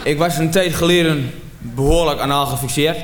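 A man performing a mock-confessional comic monologue, rising to excited shouts. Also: a little high, moderate pace, roomy sound, a little hiss or hum. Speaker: comedian.

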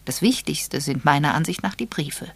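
A woman's voice: sits low, expressive, normal speed, vocal fry, breathy edge, no echo, exaggerated voice. A woman voicing an elderly, shrewd spinster detective who explains things in a mild, patient way. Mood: gently knowing. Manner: mild, patient, gently lecturing.

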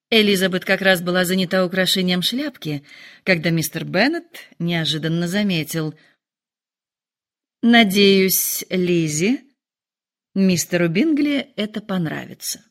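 A woman with a lowish voice narrates a classic novel as an audiobook, reading in an even, measured storytelling manner.

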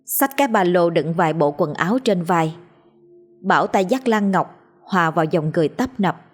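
Woman reading a story aloud, kinda low voice, quiet music behind. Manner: measured, expressive reading. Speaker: narrator. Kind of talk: storytelling narration. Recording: soft background music.

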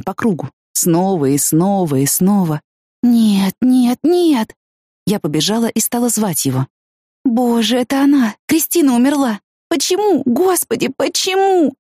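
A woman narrating a first-person story as an audiobook, her pitch swinging widely as she tells it. Her delivery is dramatic and intense. The recording is close and dry. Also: darkish tone, no echo. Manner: dramatic, rising to high anguished cries in quoted speech.

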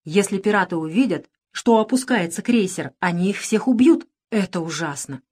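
A woman's voice: mid-range voice, animated, moderate pace, a little mellow, slightly rough. A woman voicing a scheming pirate queen who plays innocent, in a sly, theatrical manner. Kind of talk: audiobook character voice.

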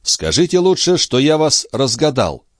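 A man voicing a calm, firm middle-aged doctor in an audiobook, speaking in a measured, insistent way. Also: mid-range voice, no echo, clean studio sound, voice pushed up, natural voice.

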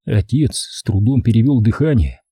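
A man reads a story aloud in a very dark, mellow, husky voice. His pitch moves widely as he narrates expressively, and the recording is dry and close. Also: expressive, normal speed, no room sound. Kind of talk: audiobook reading.

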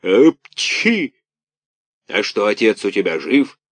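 A man playing a burly bearded puppet master from a fairy tale, bad-tempered and loud. He barks his words slowly and heavily. The recording is close and dry. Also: on the low side, lively intonation, no echo. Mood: gruff questioning. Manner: loud, slow, barking shouts.

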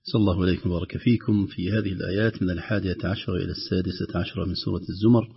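A man with a slightly husky voice teaches the rules of Quran recitation in a calm, explaining tone. He slows down and chants each example phrase in a drawn-out way. The recording sounds dull and lo-fi. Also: deep voice. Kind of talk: tajweed lesson with recited examples.

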